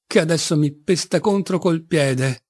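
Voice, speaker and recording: A man's voice: a little high, a little slow, no room sound, studio quality. A man reading an audiobook, voicing an indignant young woman who scolds scornfully.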